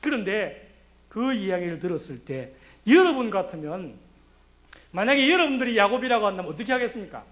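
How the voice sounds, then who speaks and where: A man's voice: high-pitched, very animated, fairly quick, a bit bright. A male pastor preaching a sermon, telling a story and asking the congregation rhetorical questions.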